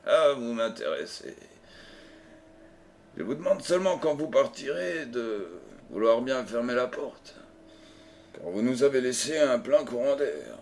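A man's voice: mid-range voice, sing-song, measured pace, long pauses, slight background noise. A man voicing an unruffled, ironic detective in an audiobook, speaking in a honeyed, mocking tone. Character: calm, ironic male detective. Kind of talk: audiobook character reading.

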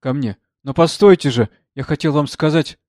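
A man's voice: on the high side, normal speed, a little mellow, dry recording, studio quality, close to an everyday voice. A man voicing an earnest, shy young officer who speaks hesitantly and politely. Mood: earnest, flustered.

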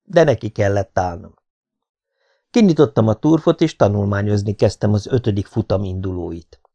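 A man's voice: fairly low pitch, mellow. A man reading a hard-boiled first-person audiobook in a wry manner. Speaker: audiobook narrator.

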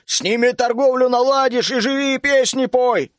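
Guy reading doing grumpy dragon-keeper uncle, low and grumbly, scolds the kids, dry close sound. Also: lively intonation, moderate pace, no room sound. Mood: scolding. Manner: grumbling, scolding, bursts out hotly. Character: grumpy gruff middle-aged male dragon keeper. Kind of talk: audiobook character voice.

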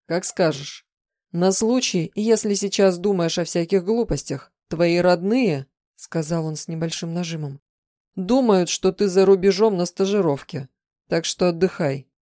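A woman's voice: on the low side, a little slow, dry recording, studio quality, close to an everyday voice. Woman reading a firm, domineering husband. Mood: mocking. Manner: firm, mocking, softening to gentle. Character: domineering young husband, mocking then tender.

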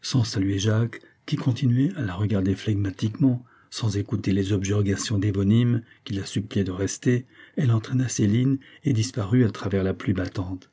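Low, husky male audiobook narrator. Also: moderate pace, hardly any pauses, dark tone.

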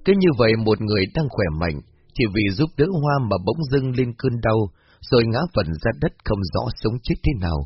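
A man reads a spooky tale aloud in a steady, even storytelling voice with a husky, slightly breathy tone. The recording is dull and lo-fi, with faint music underneath. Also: medium pitch, brisk, no echo. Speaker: narrator. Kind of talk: storybook narration.

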